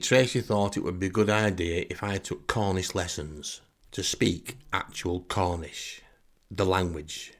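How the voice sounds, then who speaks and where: A middle-aged English podcast host with a Lancashire accent from northern England delivers a comic first-person monologue. His voice is low and creaky, and his humor is wry, self-deprecating and grumbling.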